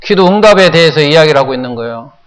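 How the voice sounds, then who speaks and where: A Korean pastor preaching a sermon, often putting questions to the congregation and repeating phrases for emphasis. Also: male voice, fairly high pitch, expressive, very fast, long reverb tail, rough recording. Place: church sanctuary.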